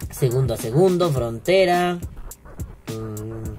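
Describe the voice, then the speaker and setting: A vlogger with a Mexican accent reads headlines aloud in a loose, casual way and keeps breaking off for crude, sarcastic jokes. The voice is dark and mellow. Soft music plays quietly underneath. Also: mid-range voice, animated, slow pace. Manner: profane, sarcastic asides. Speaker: vlogger reading news. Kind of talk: casual news commentary.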